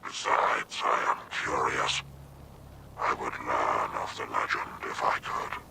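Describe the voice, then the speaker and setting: A man voicing a menacing enemy warlord who taunts slowly and coldly over a vox link. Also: rumbling low, animated, gravelly, pitched below the performer's own voice, heavily acted. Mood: cold, curious. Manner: slow, calculating, mocking then coolly curious. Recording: crackly vox transmission with heavy noise.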